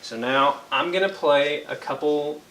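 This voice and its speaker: A man's voice: a little high, unhurried, a bit bright. A young man teaching a one-on-one brass lesson, patient and checking in with frequent okays. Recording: echoey room, faint ambient noise.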